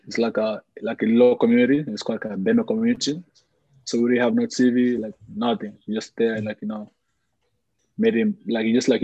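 A man's voice: on the low side, darkish tone, slightly rough, dry recording, lo-fi sound. A man in his twenties from Congo with a Congolese accent, answering interview questions casually and often repeating himself as he goes. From Congo (DRC), later Malawi. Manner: conversational, repetitive, peppered with "like" and "you know". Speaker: soccer player being interviewed.

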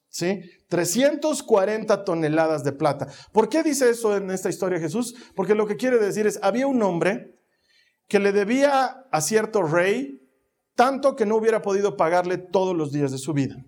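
A man's voice: high-pitched, darkish tone. A man preaching a sermon in a conversational way, asking his listeners questions and acting out the voices in the stories he tells. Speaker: pastor.

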